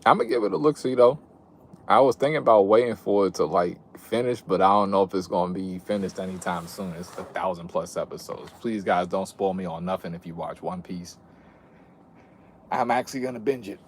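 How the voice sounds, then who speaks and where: A man's voice: low-pitched, fairly even intonation, a little fast. A young adult man chatting casually on a livestream, reminiscing in a laid-back, slangy, rambling way with some swearing. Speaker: streamer. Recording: clear background noise.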